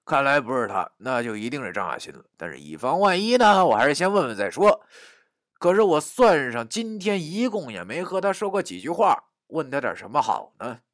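A man narrating a first-person story, dramatic, dropping to a hush and rising to shouts. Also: mid-range voice, brisk, no room sound, studio quality. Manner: animated, dramatic, swings from hushed to shouting.

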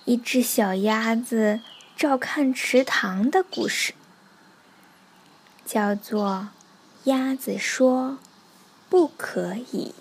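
A woman reads a bedtime story aloud to children in a soft, breathy near-whisper. She speaks very slowly with a slightly high voice, and faint ambient noise sits behind her.

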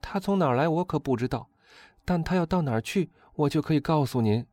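A guy doing a scared countess in an audiobook, high and strained, begging, voice jumps all over, dry sound. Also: animated, fairly quick, darkish tone, no room sound, close to an everyday voice. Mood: frightened. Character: frightened noble countess, woman, anxious and pleading.

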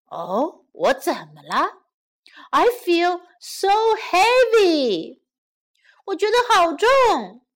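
A woman voicing a greedy big bad male wolf in a children's story, with a slow, drawling manner. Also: very high-pitched, huge pitch swings, heavily acted. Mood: groggy.

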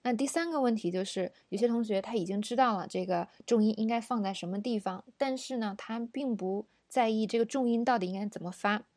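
A woman from China teaching English pronunciation, explaining patiently and modeling words slowly. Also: mid-range voice, warm tone, dry recording, studio quality. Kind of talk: spoken language lesson.

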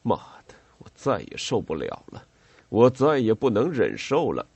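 A man's voice: on the low side, huge pitch swings, moderate pace, creaky, darkish tone, slightly rough, dry recording, full character voice. A man reading an audiobook voices a worn-out army lieutenant who speaks curtly and loses patience. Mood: exasperated. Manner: curt and exasperated.

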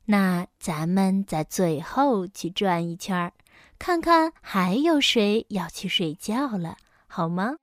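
A woman voicing a gentle mother bear, speaking softly and at times in a hush. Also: expressive, slow, no echo, studio quality. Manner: soft, low, hushed.

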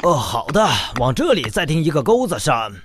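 A man's voice: fairly high pitch, big pitch swings, brisk, a little hiss or hum. A man voicing an eager, fussy, easily flustered driver in a children's cartoon dub. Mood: eager, boastful. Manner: fussy, hesitant, dramatic.

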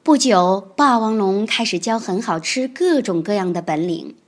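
A woman reading a children's picture book aloud, with expressive storytelling. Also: mid-range voice, normal speed.

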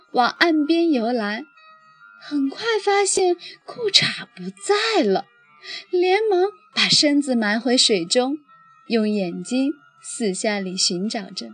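A woman reads a children's story slowly, her pitch moving up and down with the tale. Her voice sits a little high, and faint music plays under her reading. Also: breathy edge. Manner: expressive, lively storytelling. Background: faint background music.

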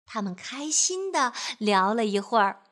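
A woman storyteller reading a picture book aloud to children, gentle and expressive. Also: a little high, a little slow.

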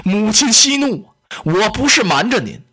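A male storyteller voicing an anxious young king pleading with his angry mother in a flustered, hurried way. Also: high-pitched, sing-song, pushed and bright, husky, heavily acted.

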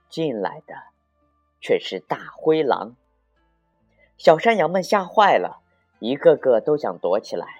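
A man narrating a children's story in a slow, expressive, sing-song way. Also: mid-range voice, muffled recording.

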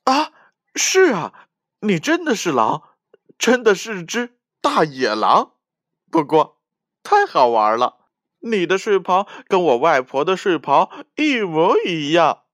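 A man's voice: high-pitched, sing-song, slow, a bit bright, no echo, clean studio sound, pitched above the performer's own voice, exaggerated voice. A man voicing a cheerful, laughing little girl. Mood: giggly.

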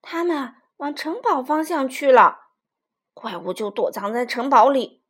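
A woman's voice: high voice, animated, a little slow, husky, heavily acted. A woman doing a blustering, panicked innkeeper rooster. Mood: alarmed. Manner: loud, insistent and alarmed. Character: frightened, blustering innkeeper rooster, male adult.

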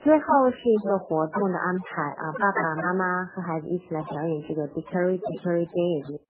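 On a live stream, a female English teacher with a lowish voice addresses parents and children, patient and repetitive, saying words slowly and spelling out their sounds. She reads the rhyme aloud at slow, medium and fast speeds. The audio is tinny, like a phone line, with faint background noise.

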